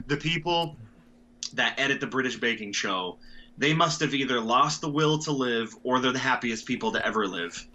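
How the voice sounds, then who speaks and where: A man's voice: medium pitch, expressive, moderate pace, sharp tone, muffled recording. A man hosting a podcast, ranting casually and animatedly with lots of swearing. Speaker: podcast host. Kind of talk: casual chat.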